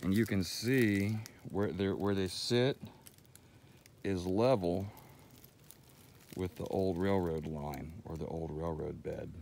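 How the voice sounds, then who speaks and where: A man's voice: low voice, slow pace, gravelly, long pauses, a little mellow, slight background noise. A man hosting a hiking vlog, talking in a folksy way to his viewers as friends and walking an overgrown trail, a little out of breath. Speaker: outdoor vlogger host. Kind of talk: casual vlog while hiking.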